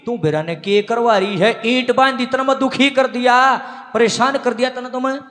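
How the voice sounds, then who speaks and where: A man's voice: very high-pitched, moderate pace, a bit bright. Man doing a fed-up Haryanvi village boy. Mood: aggrieved. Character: young village son, impatient and complaining. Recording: long reverb in a large hall.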